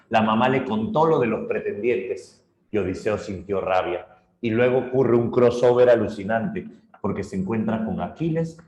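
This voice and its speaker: A man teaching literature, retelling a myth in an animated way and acting out its characters. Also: on the low side. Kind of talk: storytelling lesson. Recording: roomy echo.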